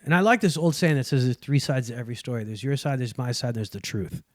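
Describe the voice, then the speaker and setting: A man's voice: medium pitch, no room sound, studio quality. A man riffing and joking as a comedian guest in a casual podcast chat. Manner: joking, riffing, quick to laugh.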